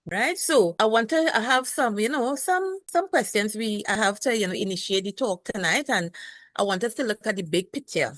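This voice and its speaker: A woman's voice: medium pitch, lively intonation, normal speed, fairly bright tone, dry recording. A woman nurse hosting a health show, formally introducing her guest and asking broad questions. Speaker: podcast host and nurse.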